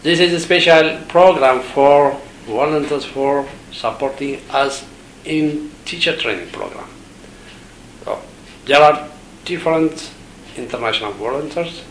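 A man from Ethiopia, an education official, giving halting interview answers with many pauses and fillers. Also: fairly high pitch, fairly bright tone, echoey room, a little hiss or hum, rough recording.

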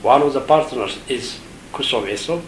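A man from Ethiopia, an education official, giving halting interview answers with many pauses and fillers. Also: medium pitch, echoey room, a little hiss or hum, low-quality recording.

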